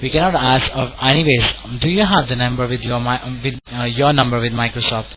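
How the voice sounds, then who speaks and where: A man's voice: medium pitch, fairly quick. A man with an Indian accent working as a call center tech support agent, talking in a polite, wordy, repetitive way over the phone. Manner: polite, wordy, repetitive, often saying sir and all right. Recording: tinny phone line with clear noise.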